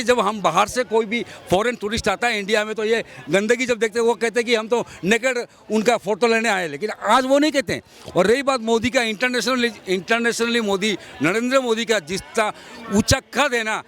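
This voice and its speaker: A man's voice: high voice, normal speed, a bit bright. A man in his fifties from Assam, arguing his views insistently in a street interview outdoors. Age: 50s. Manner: argumentative, insistent, lecturing.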